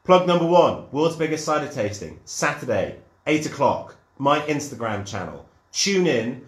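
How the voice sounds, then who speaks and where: A man's voice: medium pitch, very animated, moderate pace, roomy sound. A man from the UK hosting a live online cider tasting, talking enthusiastically with plenty of ums and restarts. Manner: enthusiastic, lots of ums and restarts, greets viewers. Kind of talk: live-streamed tutored tasting, chatty.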